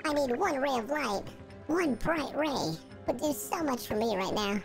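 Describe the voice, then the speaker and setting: A man's voice: measured pace, soft background music, full character voice. A man through a voice changer as bubbly origami girl Olivia. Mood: excited. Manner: bubbly, excitable, sing-song. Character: cheerful young origami girl companion. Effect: voice changer pitching the voice up. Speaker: let's play gamer reading a character's lines.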